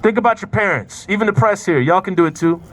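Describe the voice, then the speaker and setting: A man speaking at an outdoor rally, guiding the crowd through a reflection and shouting chants for them to repeat. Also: high voice, fast. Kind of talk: rally call-and-response. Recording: crowd and street noise outdoors.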